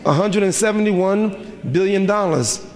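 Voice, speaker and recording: A man's voice: high-pitched, measured pace. A middle-aged man preaching a sermon as an imam, with a rhythmic delivery full of repeated rhetorical questions. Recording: reverberant hall, faint ambience.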